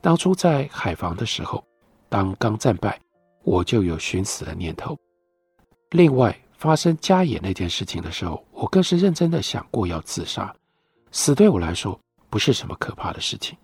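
A man reading the lines of a young Japanese woman caught in a hopeless postwar love affair, in a quiet, questioning way. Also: lowish voice, sing-song, normal speed, breathy edge, dry recording, studio quality, faint music behind, heavily acted. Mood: searching.

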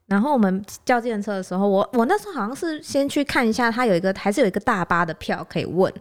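A woman with a Taiwanese accent chatting casually as a podcast co-host and telling stories in an animated way. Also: mid-range voice, fast. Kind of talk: casual chat, travel anecdotes.

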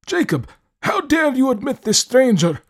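A man's voice: very high-pitched, very animated, moderate pace, voice pushed up, heavily acted. A man putting on a haughty, stern old recluse. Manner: haughty, clipped demands.

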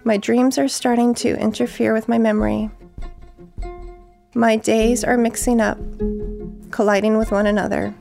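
A woman reading aloud from her journal in a halting, hushed, shaken way, then talking about it in her home. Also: fairly high pitch, little pitch movement, gravelly. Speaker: eyewitness interviewee. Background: music.

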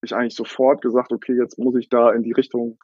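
A man's voice: mid-range voice, little pitch movement, fast, darkish tone, husky, no room sound, dull audio. A young man in his twenties telling the story of his coffee cart business in a casual interview, with many fillers and laughs.

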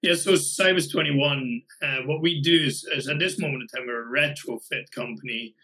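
A man with a Scottish accent chats as a guest on a podcast, talking loosely with plenty of "um"s and restarts. His voice sounds bright and forceful. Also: mid-range voice, normal speed, poor audio. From Scotland. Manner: chatty, many fillers and restarts. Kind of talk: casual podcast interview.

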